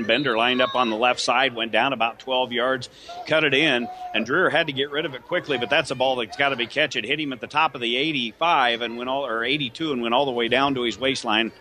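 A man's voice: mid-range voice, steady tone, quick pace, pushed and bright. An American man giving live color commentary on a football game with folksy, colloquial phrasing. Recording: outdoor broadcast with clear background noise.

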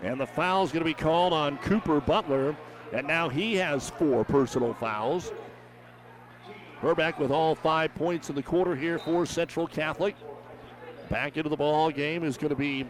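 Excited high-voiced basketball radio announcer. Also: male voice. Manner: rapid, excited calls that rise on big plays. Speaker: play-by-play announcer.

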